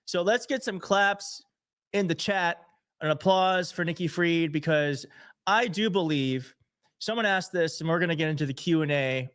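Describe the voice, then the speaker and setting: A man's voice: on the high side, moderate pace, fairly bright tone. Earnest, emotional young male streamer. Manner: emotional, earnest, self-deprecating. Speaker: show host. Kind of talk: live-stream commentary.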